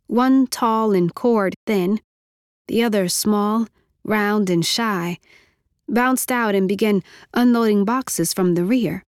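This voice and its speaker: A woman reading a novel aloud as narrator, in steady, measured storytelling. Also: medium pitch, dry recording, clean studio sound. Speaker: audiobook narrator. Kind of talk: scripted narration.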